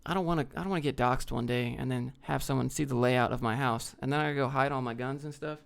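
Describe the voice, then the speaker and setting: Reading out questions during his livestream, this man from the US fires off casual, blunt, slang-heavy answers. He talks fast in a mid-range, creaky voice that still sounds clean.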